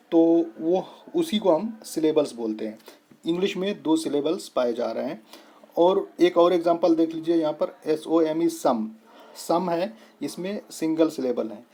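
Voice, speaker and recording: A man teaches a lesson in an unhurried, explaining way. His voice sits a little high but sounds warm and dark. He spells words out piece by piece and keeps pausing to check that his listeners follow. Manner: repeats "thik hai" to check understanding; spells out and splits words slowly. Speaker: English tutor.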